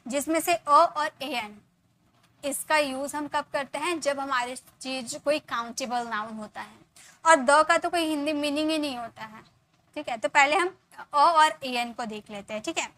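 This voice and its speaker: Female English teacher, high-pitched and bright, patient explainer who drills slow example sentences. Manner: explains slowly, repeats examples, asks viewers questions. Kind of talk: Hindi-English spoken grammar lesson.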